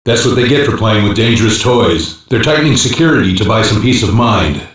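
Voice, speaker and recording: In animated English voice acting for a sci-fi game, a man plays a practical cyber-police hacker offering instructive, matter-of-fact mission support. He speaks animatedly and fairly quickly in a lowish, fairly bright voice, and the game audio sounds very echoey and distant.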